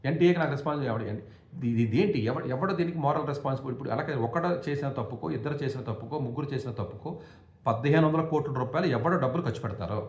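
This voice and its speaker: Fast indignant man. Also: mid-range voice, a little mellow, reverberant. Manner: indignant, rapid, many restarts and rhetorical questions. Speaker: education commentator. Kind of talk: impassioned monologue.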